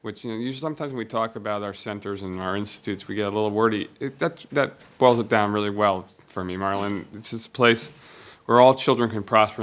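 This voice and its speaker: A man moderates a conference panel with a low, smooth, resonant voice. He introduces the next speaker, halting and restarting often. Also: a bit bright.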